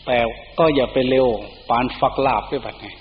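A man's voice: mid-range voice, steady tone, brisk. A middle-aged man with an Isan accent, a Buddhist monk giving a sermon and breaking into Pali chanting to show how it should sound. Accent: Isan (northeastern Thai). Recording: dull lo-fi hall recording with faint hum.

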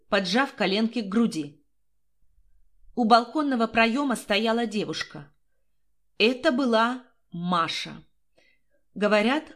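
A woman reading a first-person novel aloud in an even, measured way. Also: a little high. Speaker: audiobook narrator. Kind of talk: first-person audiobook narration.

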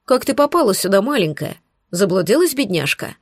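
A woman voicing a commanding young male demon prince in an audiobook, stern and measured. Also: mid-range voice, very animated, no echo, studio quality. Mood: cooing.

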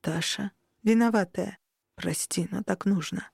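A woman voicing a young male incubus, possessive and pleading, who speaks low and hushed. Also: normal speed, no echo, clean studio sound, natural voice. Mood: remorseful.

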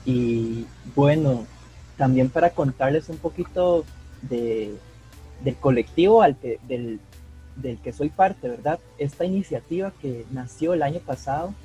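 A young Costa Rican man co-hosts a casual podcast chat, speaking Spanish with his native accent in a warm, medium-pitched voice. He is a mycologist who talks earnestly, repeats words often and keeps tacking on "¿verdad?". The recording is rough.

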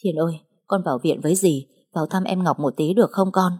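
A woman playing a desperate middle-aged mother, tearful and imploring, in an audiobook. Her voice is husky and dark, a little raised when she begs. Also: on the low side, fast. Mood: pleading. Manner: imploring, insistent.

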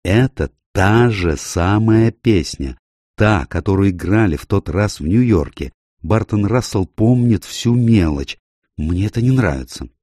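A man voicing a hot-tempered young Peruvian woman who bursts out in high, excitable cries. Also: measured pace, no room sound, clean studio sound. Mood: uneasy. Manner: shrill, excitable outbursts.

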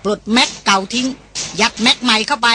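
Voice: medium pitch, a little fast, sharp tone. An audiobook narrator reading an action novel aloud in a vivid, dramatic storytelling manner.

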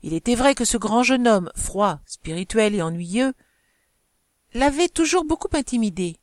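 Female audiobook narrator, measured and expressive, close dry mic. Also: a little high, no room sound. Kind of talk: scripted narration of a classic novel.

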